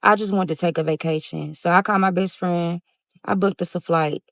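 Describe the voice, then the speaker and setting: A woman's voice: on the low side, fairly even intonation, fairly quick, dry recording. A woman telling her own story in the first person, casually and often calling her listeners "y'all".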